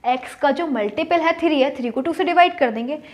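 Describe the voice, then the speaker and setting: A woman's voice: high-pitched, brisk. A woman teaching a maths lesson step by step, asking and then answering her own questions as she works. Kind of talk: board-work maths lesson.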